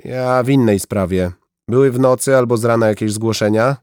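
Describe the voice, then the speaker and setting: A man's voice: medium pitch, a little fast, a little mellow, clear, resonant tone, no room sound, studio quality, pitched above the performer's own voice, lightly acted. A man voicing a tense young policewoman in an audiobook, speaking urgently and giving orders. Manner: urgent and commanding.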